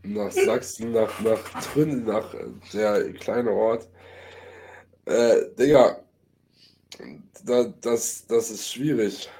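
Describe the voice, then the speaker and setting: A man's voice: on the low side, very slow, pauses often, dark tone. A man hosting a podcast, chatting casually with short teasing remarks. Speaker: podcast host. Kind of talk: casual chat.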